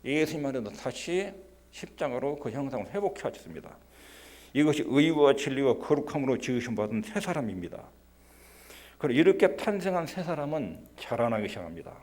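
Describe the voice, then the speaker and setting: A male pastor giving a Sunday sermon in earnest. He acts out prayers in a quieter voice and leans hard on key words. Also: mid-range voice, very animated, fairly quick. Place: church sanctuary.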